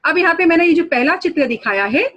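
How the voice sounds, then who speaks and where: A woman's voice: very high-pitched, animated, fast, a bit bright, dull audio. A woman teacher explaining a story lesson to students, guiding them through pictures and new words.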